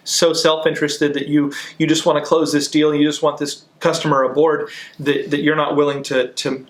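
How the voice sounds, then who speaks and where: Echoey room, man, middle pitch, casual explainer, co-host, halting, repeats words. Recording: roomy, echoing sound.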